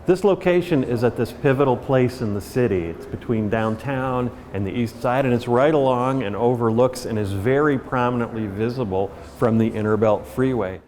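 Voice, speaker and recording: A man speaks in an on-location interview at an average pitch. Faint ambient noise is behind his voice. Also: moderate pace, few pauses, a little mellow.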